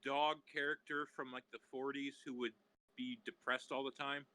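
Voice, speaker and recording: A man playing host in an improv comedy game, calling out loud, exaggerated guesses. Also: mid-range voice, little pitch movement, normal speed, no room sound.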